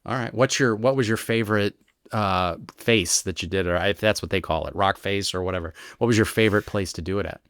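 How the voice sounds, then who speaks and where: A man, a retired American federal agent, explaining his methods in an interview with lively examples and frequent "right?" checks. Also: fairly low pitch, fairly quick, smooth, no room sound. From United States. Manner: animated storyteller, explains with examples and rhetorical "right?". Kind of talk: conversational explanation.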